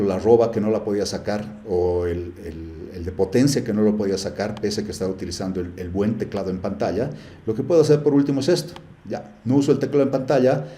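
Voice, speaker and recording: A man's voice: fairly low pitch, warm tone, roomy sound. A man teaching a live class, chatty, with many fillers and often checking in with the students. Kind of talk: live class screen-share tutorial.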